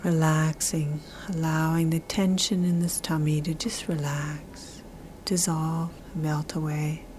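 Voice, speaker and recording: Soft half-whispering woman guiding relaxation, low-pitched. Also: little pitch movement, slight background noise. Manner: slow, drawn-out phrasing with repetition. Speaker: relaxation guide. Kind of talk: guided relaxation meditation.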